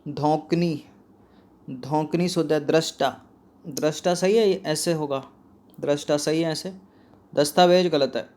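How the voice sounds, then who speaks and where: A man with a somewhat high voice runs a spelling lesson for exam students. He works through a practice test one word at a time, asking what is right and then giving the answer himself. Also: measured pace, long pauses, a little mellow. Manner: talks to students directly, asks and then answers his own questions. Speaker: exam prep teacher.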